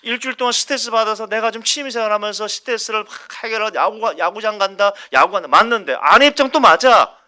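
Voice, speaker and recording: A male pastor delivers a Sunday sermon at a church service in a high, bright, pushed voice, talking fast with hardly any pauses. He's animated, poses questions to the congregation, and chuckles while acting out everyday quarrels.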